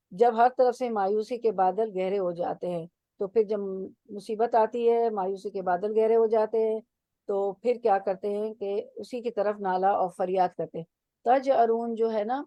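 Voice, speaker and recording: A woman teaching a religious lesson, explaining slowly and repeating each word with its meaning. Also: medium pitch, warm tone, dry recording. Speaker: Quran teacher.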